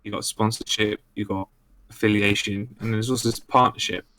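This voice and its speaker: A man joins a stream as a guest on a casual call-in voice chat, speaking in a fairly low, level, brisk voice with a bright, forceful tone. He's matter-of-fact, and the digital line gives his voice a robotic distortion over slight background noise.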